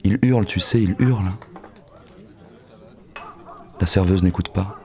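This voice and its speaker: An actor playing a bitter, lonely young poet in an audio drama, speaking gruffly and curtly, at times sinking into a hushed half-whisper. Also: male voice, sits low, measured pace. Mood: brooding, weary. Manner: gruff, curt and crude. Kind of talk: poetic audio-drama monologue.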